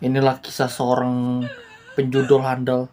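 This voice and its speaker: A woman's voice: rumbling low, completely flat delivery, moderate pace, warm tone, a little hiss or hum. Chatty woman giving casual game commentary. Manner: chatty, slangy, keeps saying "bro". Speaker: gaming channel host.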